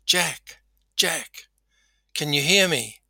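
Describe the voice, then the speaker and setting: A man voicing God as a calm, patient male presence who speaks plainly and firmly. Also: medium pitch, takes it slowly, no room sound. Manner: calm and matter-of-fact.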